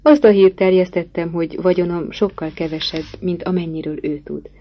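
A passionate, brooding gentleman pleads his love in a low, husky voice, as a woman reader puts him on. The tone is dark and mellow, storybook-style, urgent and ardent throughout. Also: steady tone. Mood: pleading.

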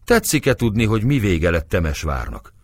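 A big-jawed, sullen foot soldier, as a male narrator puts him on drawls in slow, rustic speech and throws out taunting questions. The voice sits low, but it leaps upward on the questions. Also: very animated, dry recording. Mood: drawling, taunting.

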